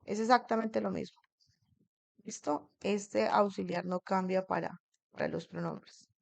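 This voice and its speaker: A woman's voice: mid-range voice, unhurried, gravelly, dry recording. A woman teaching an English grammar lesson in a classroom. She keeps checking in with her students and asks them questions.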